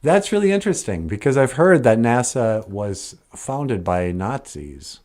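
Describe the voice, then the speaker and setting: Speaking a little slowly in a mid-range voice that's very animated and a little mellow, a live streamer chats and responds to his viewers' messages. He rambles, frequently trails off, and fixes his sentences partway through.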